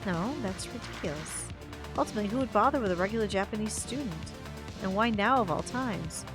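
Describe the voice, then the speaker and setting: A woman's voice: mid-range voice, a little fast, music in the background. Woman narrating a story game expressively. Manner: expressive reading with asides and stumbles. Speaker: streamer reading a story game. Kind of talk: reading narration aloud with chat.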